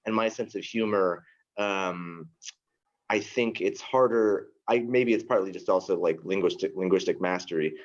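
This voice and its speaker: A man tour guide in a round-table chat, thoughtful and self-deprecating, often pausing on fillers. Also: deep voice, dull audio.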